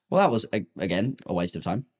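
A man's voice: fairly low pitch, a bit bright, slightly rough. A man co-hosting a podcast, teasing and joking in casual chat, laughing often. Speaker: podcast co-host.

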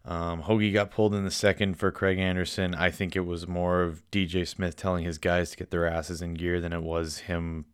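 A Canadian man from Ontario, in his twenties, hosts a casual solo sports podcast from the basement den of his home, chatting informally and poking fun at himself. His voice is deep and level, moving at a moderate pace with hardly any pauses. The tone is clean, with no room sound and studio-quality audio.

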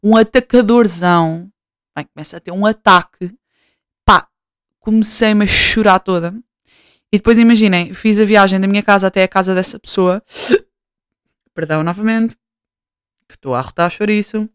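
A woman's voice: mid-range voice, normal speed, pauses often, clear, resonant tone, no room sound, studio quality. A young woman with a European Portuguese accent, hosting her own show and talking in a loose, slang-filled ramble with lots of fillers and restarts. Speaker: podcast host. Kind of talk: casual rambling monologue.

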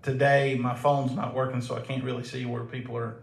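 A man's voice: mid-range voice, level tone, brisk, gravelly, roomy sound, low-quality recording. A man from South Carolina with a Southern drawl, co-hosting a casual faith talk show, folksy and joking, laughing often. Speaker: co-host.

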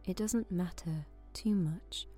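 A woman leads a calming sleep meditation, her voice soft and slow. She often sinks into a whisper, and her tone stays low, dark and mellow, with faint music playing behind her. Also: breathy edge. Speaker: meditation guide.

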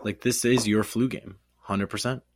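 A man's voice: on the low side, steady tone, moderate pace, a little hiss or hum. A man co-hosting a casual sports podcast, teasing his partner and swearing casually. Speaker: podcast co-host.

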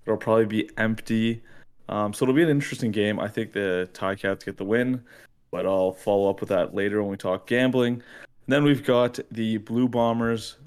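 A man's voice: lowish voice, fairly even intonation, normal speed, clear, resonant tone. A young man co-hosting a sports podcast, cocky and teasing, boasting about his picks. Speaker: podcast co-host. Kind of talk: casual sports podcast chat.

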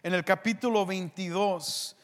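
A male preacher delivers a sermon as an animated storyteller, adding drum-like sounds with his voice. His voice sits unusually high for a man, and he speaks at an unhurried pace. A long hall reverb trails every phrase.

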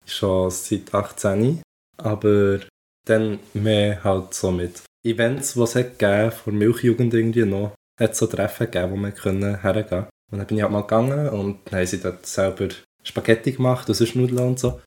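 A man, a podcast guest who tells stories in a relaxed way and laughs easily. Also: fairly low pitch, normal speed. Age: 20s.

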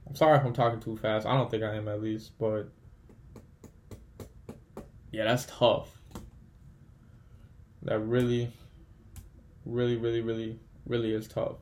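A man's voice: lowish voice, flat delivery, unhurried, long pauses, darkish tone, slight background noise. A man hosting a casual solo sports podcast, bluntly trash-talking teams and thinking aloud as he tallies win-loss records. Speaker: podcast host.

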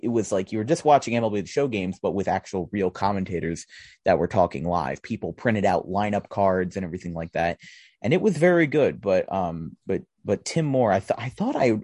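A man's voice: low-pitched, mellow, no echo, clean studio sound. A man hosting a podcast, chatting casually in a rambling way. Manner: rambling, many restarts and fillers. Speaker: podcast host. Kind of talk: casual chat.

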